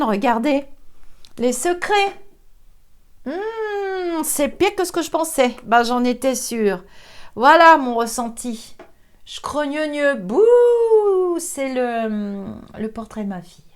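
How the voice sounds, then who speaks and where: A woman, older, giving a chatty psychic card reading, laughing often and sometimes dropping to a whisper. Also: a little high. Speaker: psychic reader. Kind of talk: casual tarot reading chat.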